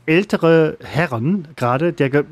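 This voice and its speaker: A man's voice: on the high side, expressive, measured pace. A man co-hosting a podcast in casual banter, talking hesitantly with many restarts and getting defensive. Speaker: podcast co-host.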